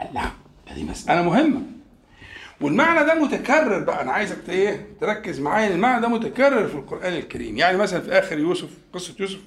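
Egyptian male teacher, higher register, lectures in an echoey room, quizzes the class, stretches key words. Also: slight background noise. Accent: Egyptian Arabic.

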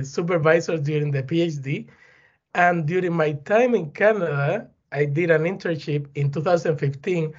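Man, dull lo-fi sound. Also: a little high. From Cuba. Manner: earnest, halting, with many "uh" and "eh" fillers. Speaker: guest, plant pathology professor. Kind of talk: casual interview answers.

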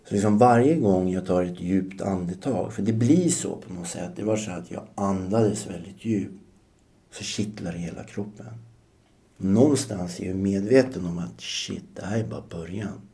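A man in his forties with a deep, mellow voice appears as a podcast guest, telling his life story. He speaks reflectively and often hesitates as he shares these personal memories.

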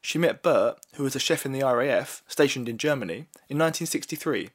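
A male reporter narrating a news feature and gently interviewing an elderly woman. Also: medium pitch, expressive, fast talker, slightly rough.

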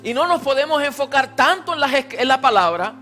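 A preacher giving a sermon in short phrases, pausing for an interpreter, with some halting restarts and emphatic peaks. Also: sits high, expressive, bright, forceful tone, soft background music.

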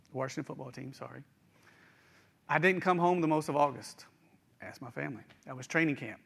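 Man preacher, West Virginia accent, middle-aged, fairly high voice, folksy sermon delivery, direct address. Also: a bit bright. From West Virginia, United States.

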